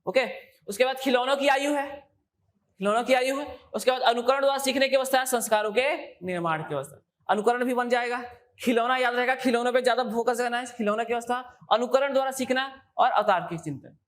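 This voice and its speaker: Female coaching-class teacher with a higher pitch, keeps asking students questions back. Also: brisk. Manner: repeats key terms, quizzes students with questions. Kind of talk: exam coaching lecture.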